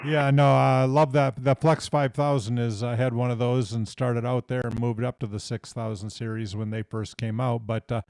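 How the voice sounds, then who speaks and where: A man's voice: mid-range voice, flat delivery, normal speed, vocal fry, hardly any pauses, darkish tone, no echo. An American man running casual amateur radio contacts into a close microphone. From Iowa, United States. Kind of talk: casual ham radio exchange.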